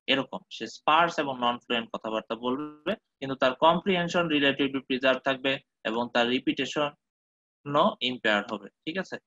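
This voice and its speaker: A man gives a medical lecture in a bright, forceful voice pitched a little high. He keeps stopping to check that his students follow and slips English terms into his explanations. The sound is dry and close, with a slightly dull tone. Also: no room sound. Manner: mixes English terms, checks in with listeners often.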